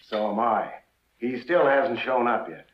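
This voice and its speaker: A man's voice: mid-range voice, lively intonation, measured pace, natural voice. An actor playing a polite, probing male FBI investigator in a 1950s film drama. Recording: dull, echoey old film soundtrack.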